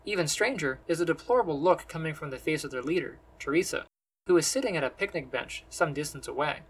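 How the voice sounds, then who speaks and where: A man narrating a science-fantasy story in measured, descriptive storytelling. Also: fairly high pitch, animated, husky, low-quality recording. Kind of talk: scripted fantasy audiobook narration.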